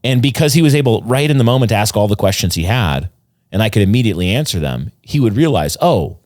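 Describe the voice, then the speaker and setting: Earnest low-voiced pastor, dry close sound. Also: male voice, expressive, fast, a little mellow, no echo. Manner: earnest, explanatory, rambling with restarts. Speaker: pastor and podcast co-host. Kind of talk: casual conversational podcast chat.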